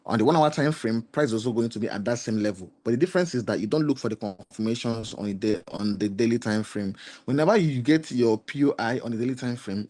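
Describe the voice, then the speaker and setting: A man with a slightly hoarse voice explaining trading charts in a lesson, walking through the steps and repeating key points with rhetorical questions. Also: mid-range voice, a little mellow. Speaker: trading mentor. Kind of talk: screen-share trading lesson.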